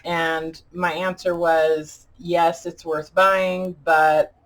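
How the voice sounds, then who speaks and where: Slow-talking woman with slightly mouth-full speech. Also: on the low side, little pitch movement. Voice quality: slightly impeded speech from new dentures, as if mouth full of peanut butter. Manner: halting, deliberate, pausing often. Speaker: craft video host. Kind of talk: casual chat tutorial.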